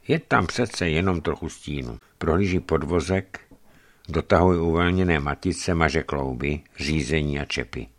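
Casting: man with a very low voice, measured dramatic storyteller reading a travel memoir aloud. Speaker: narrator.

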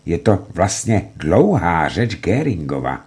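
A man with a low, husky voice reads a documentary narration in a declamatory manner. His delivery swings widely in pitch as he voices quoted reports and outbursts. The tone is grave and dramatic throughout. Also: very animated, a little mellow.

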